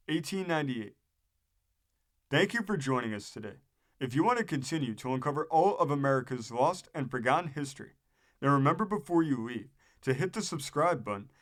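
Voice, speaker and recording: A man reading an old newspaper story aloud as scripted narration, as the host of a history program. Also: on the high side.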